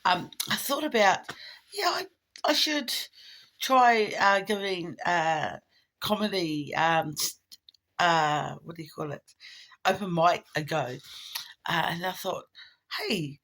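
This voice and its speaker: A woman, trying out informal stand-up comedy in a halting, giggly, conversational way. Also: on the low side, expressive, a bit bright. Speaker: amateur comedian. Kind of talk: informal stand-up attempt for social media, casual rambling.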